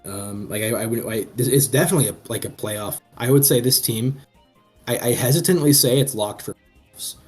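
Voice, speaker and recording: A man's voice: mid-range voice, a little fast, darkish tone, faint music behind. A man co-hosting a casual commentary show, rambling with frequent restarts. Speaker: co-host.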